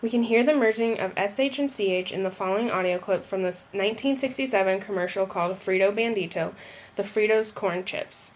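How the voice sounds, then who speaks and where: A woman's voice: mid-range voice, brisk. A young woman reading a school presentation aloud, with occasional slips and restarts. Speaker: student presenter.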